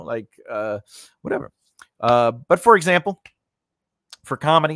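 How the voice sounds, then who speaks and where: In an indoor home studio, a man in his forties who hosts a screenwriting tutorial channel gives an informal, emphatic lesson to camera, partly read from notes, repeating key points and checking in with short questions. His mid-range voice is recorded dry on a close, mounted studio condenser mic.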